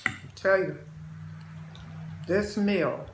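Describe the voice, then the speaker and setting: Slow-talking folksy woman in her sixties. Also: mid-range voice, reverberant, slight background noise. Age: 60s. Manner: folksy, motherly, calls viewers babies. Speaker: channel host. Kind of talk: casual chat while eating.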